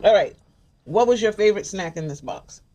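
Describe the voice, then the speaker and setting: A woman's voice: medium pitch, lively intonation, brisk, warm tone, muffled recording. An older woman hosting a casual chat, chatty, sometimes reading package text aloud. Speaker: host.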